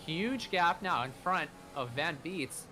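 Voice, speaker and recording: A man's voice: on the high side, animated, takes it slowly, sharp tone, faint music behind, poor audio. A man doing live motorsport race commentary, narrating the action play by play.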